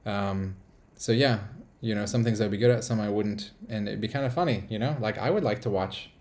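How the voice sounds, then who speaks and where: A man's voice: on the low side, brisk, a little mellow. A man from the United States hosting a casual live stream from a small apartment, rambling upbeat and reading viewer comments aloud.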